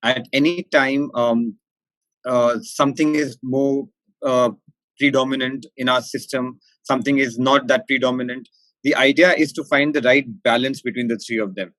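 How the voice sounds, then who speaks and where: A man's voice: medium pitch, fairly even intonation, moderate pace, a bit bright, no echo, low-quality recording. Articulate man with a posh Indian accent. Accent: posh educated Indian. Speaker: interview guest, company managing director. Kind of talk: interview answers, considered and explanatory.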